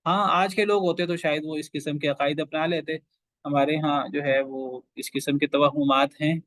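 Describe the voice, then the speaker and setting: Male religious teacher, fairly high voice, emphatic, rhetorical questions, repeats himself, dry close sound. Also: fairly even intonation, fairly bright tone, no echo. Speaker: Quran teacher. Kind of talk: religious lecture to a class.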